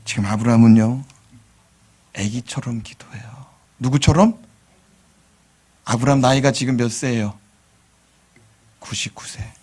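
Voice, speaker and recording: A male pastor giving a sermon in a church, animated and quizzing the congregation. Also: mid-range voice, moderate pace, long pauses. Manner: animated, asks the congregation questions, drops to whispers.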